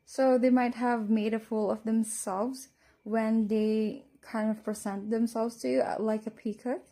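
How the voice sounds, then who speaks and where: A woman's voice: on the high side, level tone, measured pace, warm tone. A woman giving a casual tarot reading, speaking to the listener as a fortune teller. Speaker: tarot card reader.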